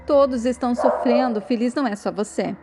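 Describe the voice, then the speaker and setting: A woman's voice: on the high side, brisk, heavy background noise, lightly acted. A woman voicing a weary young husband in a soap recap, firm and pleading. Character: weary young husband trying to calm family.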